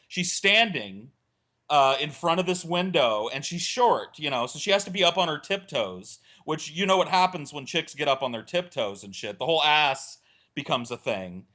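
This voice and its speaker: A man whose voice sits on the high side talks at a moderate pace, rambling through a vulgar comic tale for a relaxed podcast. The storytelling is animated, full of quotes he acts out.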